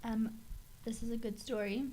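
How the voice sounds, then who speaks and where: A woman's voice: fairly high pitch, flat delivery, moderate pace, low-quality recording. Woman reading viewer questions aloud. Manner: brief, quiet, reads comments aloud. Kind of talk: casual live Q&A chat.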